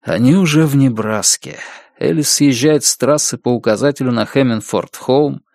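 A man reads an audiobook in a steady, measured way, his mid-range voice carrying a noticeable gravelly texture. The recording is dry and close, with no room sound around him. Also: medium pitch, dry recording. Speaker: audiobook narrator. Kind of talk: scripted narration.

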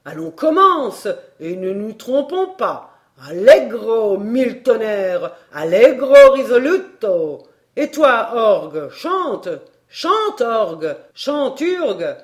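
A woman voicing a drunken old male music master who shouts commands in wild exaltation. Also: fairly high pitch, lively intonation, moderate pace, natural voice. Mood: shouting.

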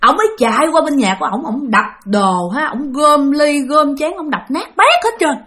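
A woman with a Southern Vietnamese accent narrates a ghost story for her channel in a chatty, conversational way, talking straight to her listeners. Her voice sits fairly high and moves a lot in pitch. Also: animated, normal speed, a bit bright. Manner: chatty, addresses listeners often.

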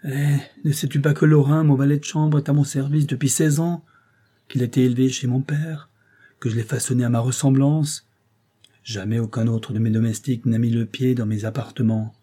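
Man doing a panicky older aristocrat, raised pitch, pleading and agitated. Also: level tone, a little fast, dark tone, slightly rough, lightly acted. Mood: alarmed. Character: frightened older male nobleman, fussy and panicky.

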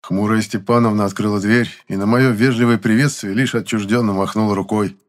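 A man narrating a first-person audiobook in an even, dry storytelling manner. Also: on the low side, fairly quick.

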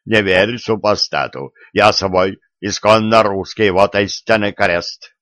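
A man's voice: lowish voice, unhurried, a bit bright, no echo. A man voicing a fawning royal executioner. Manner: eager, pleading, servile. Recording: dull, dry lo-fi recording.

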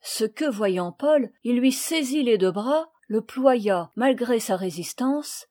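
A woman reading a children's novel aloud, with clear, expressive narration. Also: on the high side, slow pace. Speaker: audiobook reader. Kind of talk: storybook reading.

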